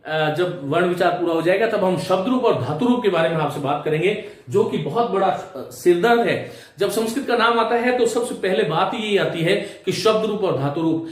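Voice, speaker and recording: A man teaching Sanskrit grammar in a classroom lecture, explaining slowly, repeating terms and quizzing his students. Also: sits high, far from the mic. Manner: chants declension tables in a sing-song. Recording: very echoey room, off-mic.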